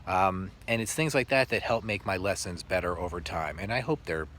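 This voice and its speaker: A male teacher telling reflective stories about his work in an earnest, halting way with many pauses. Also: deep voice, fairly bright tone, slight background noise. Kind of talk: reflective storytelling monologue.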